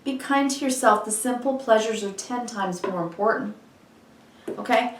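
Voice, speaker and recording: A woman's voice: fairly high pitch, normal speed, slight background noise. A woman giving an unscripted mystical horoscope tarot reading, earnest and reassuring, speaking directly to the listener, with a slightly froggy throat. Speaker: tarot reader. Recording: roomy echo, distant microphone.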